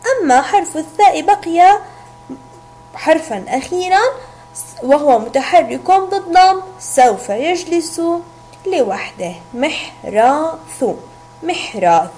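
A woman teaching a phonics lesson to young children, speaking slowly and clearly and repeating each sound and word. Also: very high voice, lively intonation, darkish tone, slight background noise. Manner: drawn-out repetition of sounds and words. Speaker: kindergarten teacher.

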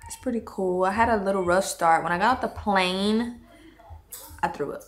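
A woman's voice: medium pitch, moderate pace. A woman chatting casually on a family vlog, blunt and offhand, with the odd swear word. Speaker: mother, co-vlogger.

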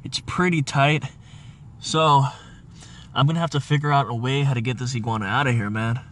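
A man's voice: mid-range voice, steady tone, normal speed, a bit bright, slight background noise. A young man vlogging from inside his car at night, talking casually to viewers, cursing and grunting as he works. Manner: swears a lot, chatty, straining and grunting while working. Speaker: iguana catcher and vlogger. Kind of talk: casual vlog talk to camera.

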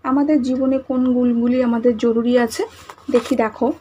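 A woman teacher with a slightly high voice walks the class through answers, speaking softly because talking is hard today. She repeats each answer and checks that the children follow. Faint noise hums in the background. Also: little pitch movement, moderate pace. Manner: patient, repeats answers and asks the class questions. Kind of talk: online class lesson.

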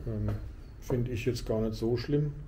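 A man's voice: medium pitch, a little slow, dark tone. A man casually talking through his motorcycle gear as he rides and works in his garage, explaining things hands-on. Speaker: motovlogger. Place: garage and riding outdoors on a motorcycle. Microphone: helmet camera mic. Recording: road and engine noise.

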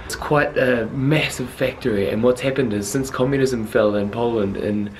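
Outdoors and inside huge abandoned factory buildings, a travel photography vlogger chats eagerly and informally to a handheld camera at arm's length. He speaks at normal speed with a medium pitch and fairly even intonation, over slight background noise.

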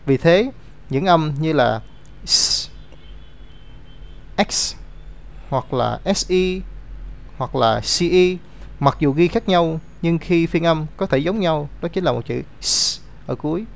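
Man explaining grammar, fairly high voice. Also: slow, creaky, pauses often. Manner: explains step by step, reads out word examples. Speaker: English teacher. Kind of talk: grammar lesson narration.

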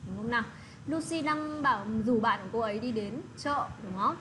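Woman teacher with noisy background. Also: a little high. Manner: repeats words slowly and checks understanding. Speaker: English teacher. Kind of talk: classroom lesson explaining vocabulary.

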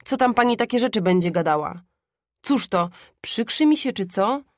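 A woman's voice: a little high, steady tone, a little slow, a little mellow, no room sound, pitched above the performer's own voice. Woman narrator voicing a stubborn, indignant poor father; raised voice, dry.

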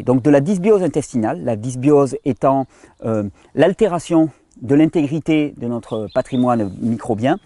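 A French-speaking man hosting a health channel, explaining at length in a casual tone to the viewer, with frequent restarts and study titles read in halting English. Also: mid-range voice, dark tone, no room sound. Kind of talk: explanatory monologue.

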